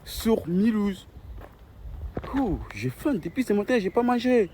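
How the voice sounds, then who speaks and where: Animated high-voiced man talking street slang. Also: unhurried. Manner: French suburban street slang; teasing, excitable. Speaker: vlogger. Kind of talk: casual vlog chat to followers. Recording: busy crowd and street noise behind.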